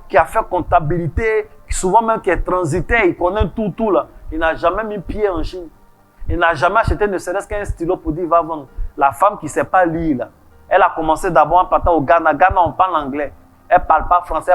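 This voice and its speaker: Pastor preaching, high voice, big loud bursts then soft bits. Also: male voice. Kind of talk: sermon.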